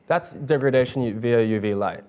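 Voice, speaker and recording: Earnest young New man pitching. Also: normal speed, a little mellow. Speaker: student competitor pitching a project. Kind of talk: competition pitch and Q&A. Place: stage at an awards event.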